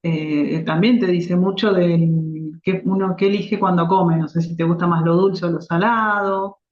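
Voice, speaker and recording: A middle-aged woman with a Rioplatense Spanish accent, a reflexology therapist calmly explaining her ideas as a podcast guest. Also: lowish voice, unhurried. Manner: reflective, explanatory, with frequent restarts. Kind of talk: conversational interview. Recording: echoey, dull lo-fi remote audio.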